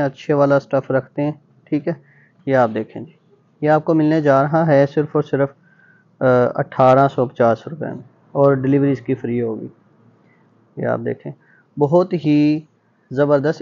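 A man's voice: fairly high pitch, a little mellow, muffled recording. A man presenting goods as a shop seller, in a casual, demonstrative sales patter with repeated phrases. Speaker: fabric seller presenting stock. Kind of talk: casual product showcase sales talk. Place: indoor fabric shop with tiled floor.

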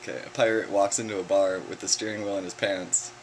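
A man's voice: low-pitched, steady tone, fast talker, slight background noise, rough recording. A young man vlogging, casually telling lame jokes to the camera and chuckling at them. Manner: laid-back, chuckles at his own jokes.

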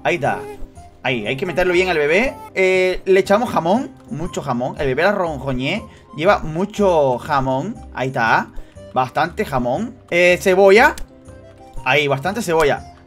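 A man commentating a horror game for his viewers, joking and teasing, dropping to hushed suspense and then bursting into shrieks. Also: fairly high pitch, animated, normal speed, soft background music. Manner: swings between hushed suspense and sudden loud shrieks. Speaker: gaming youtuber. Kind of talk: excited let's-play commentary.

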